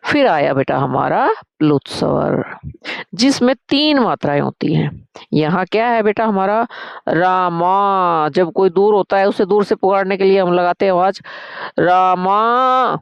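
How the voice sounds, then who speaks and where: Woman teacher, lively pitch, patient classroom drill, dull lo-fi dry recording. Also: normal speed, vocal fry, no echo. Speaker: Sanskrit teacher. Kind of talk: teaching a grammar lesson.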